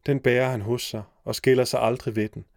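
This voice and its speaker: A man's voice: mid-range voice, flat delivery, vocal fry, no echo, studio quality, natural voice. A man voicing a grieving young princess, tender and sorrowful, in a storybook reading.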